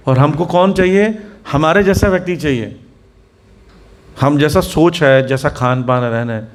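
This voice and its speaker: A man preaching to a seated audience, telling anecdotes, acting out the people in them and asking rhetorical questions. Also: fairly high pitch. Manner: storytelling, acts out the people in his anecdotes. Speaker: spiritual teacher. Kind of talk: Hindi sermon to a seated audience, mixing English words.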